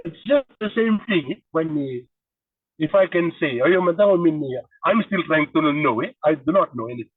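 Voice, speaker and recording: A man's voice: fairly high pitch, lively intonation, brisk, breathy edge, no echo, far from the mic, narrow, tinny audio. A man in his thirties with a Fijian accent, talking earnestly as a podcast guest in casual chat and switching languages. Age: 30s.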